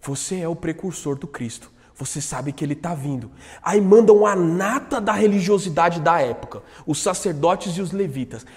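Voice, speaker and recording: A man preaching a sermon, dramatic and slangy, swinging from shouts to hushed low lines. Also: animated, moderate pace, few pauses. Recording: echoey hall reverb.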